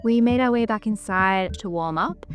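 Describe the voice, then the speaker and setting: A woman giving scripted travel narration in a measured, descriptive storytelling manner. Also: medium pitch, soft background music. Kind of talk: scripted documentary-style narration.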